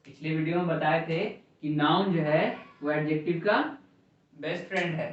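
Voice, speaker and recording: A man's voice: a little high, moderate pace. Man teaching grammar in an echoey classroom. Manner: asks the class questions and repeats answers. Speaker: English teacher. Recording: echoey classroom from far off, dull.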